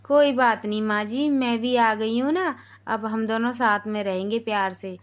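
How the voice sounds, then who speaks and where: A woman voicing a gentle, grateful young woman who has lost her memory, talking softly, politely and earnestly in a cartoon. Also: fairly high pitch, steady tone, normal speed, muffled recording, lightly acted. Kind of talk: cartoon voice acting.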